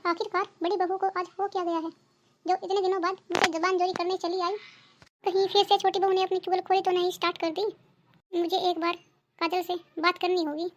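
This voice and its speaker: A stern cartoon mother-in-law who scolds her daughters-in-law, voiced by a woman. Her voice sits very high and thin, with a faint hiss under it. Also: flat delivery, brisk. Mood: brooding. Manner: scolding, sharp-tongued. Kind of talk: cartoon dubbing.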